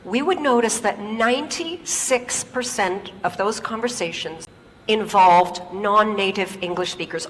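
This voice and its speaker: A woman's voice: a little high, fairly bright tone. A woman giving a stage talk with anecdotes in an engaging storytelling manner, often checking in with her listeners. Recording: long hall reverb, faint noise.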